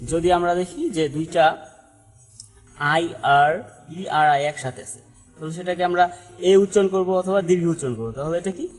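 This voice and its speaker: A man's voice: on the high side, darkish tone, poor audio. A man teaching an English pronunciation lesson, explaining step by step and often checking in with "right?". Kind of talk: spoken language lesson.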